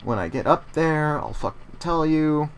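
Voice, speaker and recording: A man's voice: a little high, lively intonation, unhurried, slight background noise. Swearing, ranting man playing a game. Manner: profane, ranting, easily frustrated. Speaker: let's play commentator. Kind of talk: casual gaming commentary.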